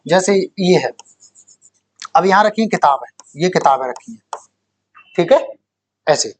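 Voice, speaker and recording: A male English teacher giving a classroom lecture for exam prep. He explains slowly, repeats key words and keeps quizzing the class. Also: high voice, animated. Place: coaching classroom.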